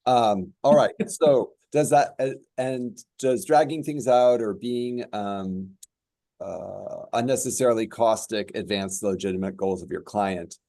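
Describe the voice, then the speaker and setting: Low, mellow-voiced judge speaking haltingly. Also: male voice, gravelly, dry recording. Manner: measured, halting with many fillers. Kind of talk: panel discussion remarks.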